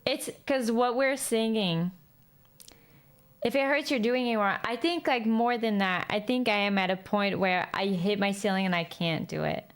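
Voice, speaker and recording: A woman chatting casually with her viewers, rambling, lively and laughing often. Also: mid-range voice, normal speed, clear, resonant tone. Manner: speaks in a lively way. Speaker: streamer.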